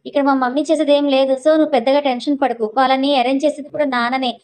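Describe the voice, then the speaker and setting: Woman doing a young groom, casual, reassuring, quick talker, story reading. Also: sits high, steady tone, a little mellow, natural voice. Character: young man, easygoing groom, brushing off worry.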